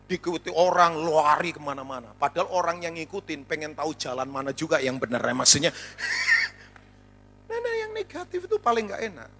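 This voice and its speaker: A man pastor preaching a sermon, telling funny stories in an animated way. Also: fairly high pitch, moderate pace, a little hiss or hum. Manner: animated storytelling with jokes.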